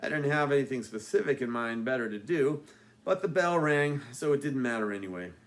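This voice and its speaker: A man, the author, reading his own book aloud with dry, deadpan asides. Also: mid-range voice, fairly quick. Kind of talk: audiobook narration.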